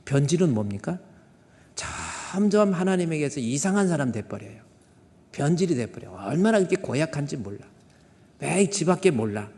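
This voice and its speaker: A man's voice: fairly high pitch, sing-song, normal speed, dark tone. A male pastor preaching a sermon in a conversational way, often putting rhetorical questions to the congregation. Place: church sanctuary. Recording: long reverb of a church hall.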